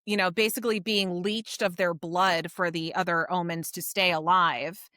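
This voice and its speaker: A woman co-hosting a podcast recaps a story in a casual book discussion, keeping it informal and conversational. Her voice is lowish, pushed and bright, with fairly even intonation at a normal speed. The studio sound is clean, with no echo.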